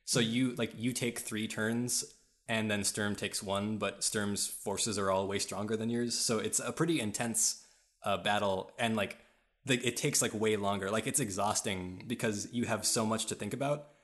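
A man's voice: on the low side, steady tone, normal speed, fairly bright tone. A man co-hosting a casual podcast chat, rambling with lots of fillers and frequent laughs, recorded on a podcast mic. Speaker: podcast co-host.

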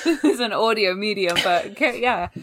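A woman's voice: mid-range voice, expressive, normal speed, crowd noise. A woman co-hosting a casual podcast, making dry joking asides. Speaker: podcast co-host.

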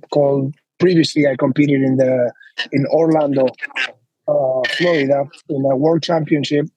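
Argentine guy, husky voice, dry close sound, rambly and earnest. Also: mid-range voice, dark tone, no room sound, low-quality recording. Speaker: guest, flair bartender. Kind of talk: casual interview.

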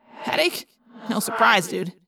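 A woman's voice: on the high side, expressive, slow pace, vocal fry, pushed and bright, dry recording, far from the mic, exaggerated voice. A woman voicing a joking teenage boy who wisecracks while helping an injured friend. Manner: joking, casual.

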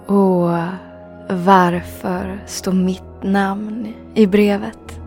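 An actress playing the hero's affectionate partner in a video game, gentle and conversational. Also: female voice, mid-range voice, little pitch movement, faint music behind, natural voice.

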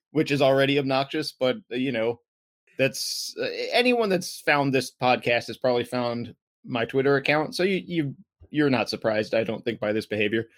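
A man's voice: medium pitch, expressive, normal speed, dry recording, clean studio sound. A young man co-hosting a casual sports podcast, rambling and wry, often correcting himself mid-sentence. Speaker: podcast co-host.

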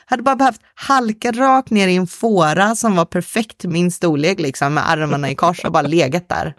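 A podcast co-host chats casually with a gloomy, wry and self-mocking manner. The voice sits at an ordinary pitch, and the sound is close and dry. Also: fairly bright tone, no echo. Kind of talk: casual chat.

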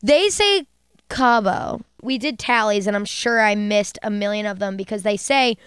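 A woman's voice: medium pitch, steady tone, fairly quick, fairly bright tone, clear, resonant tone, no echo, studio quality. A woman in her thirties co-hosting a podcast, chatting casually and gushing, with plenty of swearing. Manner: gushing, profane, chatty storytelling. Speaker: podcast co-host. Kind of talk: casual chat.

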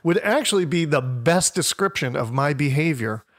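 A man's voice: fairly high pitch, expressive, normal speed, a bit bright, no echo, studio quality. A man co-hosting a gaming podcast, joking and boisterous. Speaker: podcast co-host. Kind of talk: casual podcast chat.

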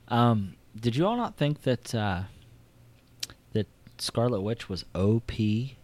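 A man's voice: mid-range voice, lively intonation, slow, a little mellow. A man hosting a casual movie discussion, rambling and hesitant, with many fillers.

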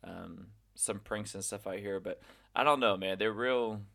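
A man's voice: lowish voice, a little slow, gravelly, a bit bright. A young man who teaches English abroad, chatting casually and laughing often. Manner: easygoing, laughs often, filler-heavy. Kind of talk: casual chat.

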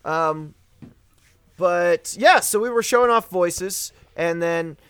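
A man hosting a casual panel chat, joking with quick asides. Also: sits high, a bit bright, clear, resonant tone, no room sound. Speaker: panel host.

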